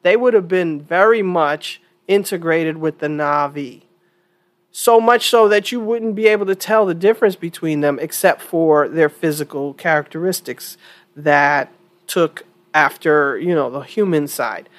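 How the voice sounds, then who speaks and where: A woman with a deep voice hosts her own opinion podcast, talking at a measured pace in a casual, chatty monologue. She sounds stuffy from a cold and repeats points for emphasis.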